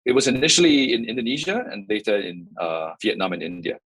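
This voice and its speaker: A man in his forties, a company founder and CEO, answering interview questions in a measured way, with frequent fillers and "right?" tags. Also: lowish voice, fairly bright tone, breathy edge, low-quality recording. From Singapore. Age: 40s.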